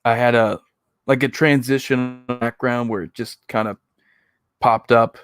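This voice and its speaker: Man, mid-pitched, casual reaction commentary, rambling, self-critical, dry sound. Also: fairly even intonation, a little slow, clear, resonant tone, no echo. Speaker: video host reacting to own old videos.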